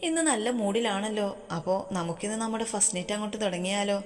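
A woman's voice: mid-range voice, fairly even intonation, fast talker, lightly acted. A woman voicing a playful, affectionate young husband in a storybook reading. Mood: teasing. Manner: teasing, affectionate. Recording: long hall reverb.

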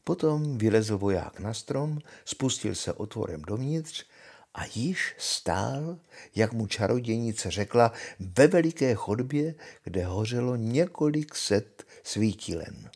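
An older man reads a fairy tale aloud to his grandchildren. His voice is husky and breathy, with a lively, animated pitch that rises and falls through the telling.

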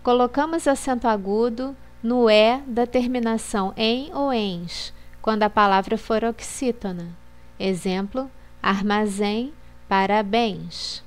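A woman reading a scripted Portuguese lesson on accent marks in a slow, measured, list-like way. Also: fairly high pitch. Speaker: Portuguese teacher.

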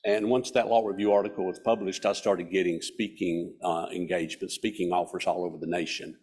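A man in his sixties with a Southern mountain Appalachian accent, giving a folksy, self-deprecating, informal club speech in a husky voice. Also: low-pitched, little pitch movement, brisk, a little mellow. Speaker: guest speaker. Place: hall stage at a podium. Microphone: podium microphone.

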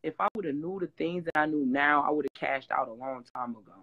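This woman's voice is deep and rough, and she talks quickly; she's a Detroit native and former reality-show singer appearing as a guest in a casual interview. Sitting in a home room with a green wall backdrop on a video call, she tells stories with animated energy, loud swings and laughs, but the recording is muffled.

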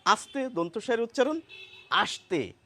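A man's voice: very high-pitched, big pitch swings, a little slow, sharp tone. A man giving a short pronunciation lesson, explaining step by step and repeating example words with care. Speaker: language teacher.

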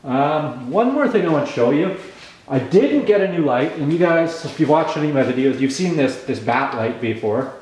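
A man's voice: on the high side, expressive, normal speed, darkish tone. A man in his forties from Canada, casually showing his tools on camera, rambling with lots of ums while chewing gum. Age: 40s. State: chewing gum, slightly mumbled. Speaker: channel host. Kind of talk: casual tool demo vlog. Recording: very echoey room.

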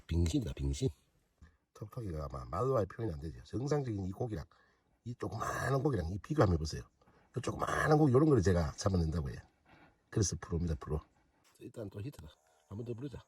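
Gyeongsang guy rattling off fast jokey ice fishing chat, dark low tone, sounds a bit far from the mic outside. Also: slightly rough. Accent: Gyeongsang Korean. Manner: chatty, jokey, talks to himself and the fish. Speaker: fishing channel host. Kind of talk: casual fishing vlog commentary. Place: outdoors on a frozen lake.

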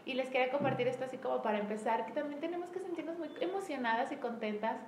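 A high-pitched Mexican woman talks casually to a small group in an echoey room, as if leading a team meeting. She acts out quoted dialogue with lively swings in voice, and a faint hum of background noise sits under her. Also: racing. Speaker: Mary Kay sales director leading a team meeting. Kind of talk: casual motivational talk to a group.

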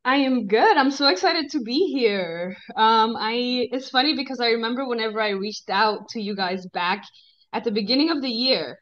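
A woman in her twenties from the Dominican Republic, a guest on a podcast, talking in a friendly, relaxed way over a video call. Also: a little high, moderate pace. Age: 20s. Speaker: guest, esthetician. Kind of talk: casual interview chat. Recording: dull video-call audio.

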